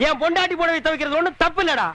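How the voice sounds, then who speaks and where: A man's voice: extremely high pitch, very fast, noisy background. An actor playing a sarcastic, scolding village man in a film comedy, speaking. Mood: mocking. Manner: scolding, mocking, sarcastic retorts. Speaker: comic lead in film scenes. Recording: film soundtrack with background music.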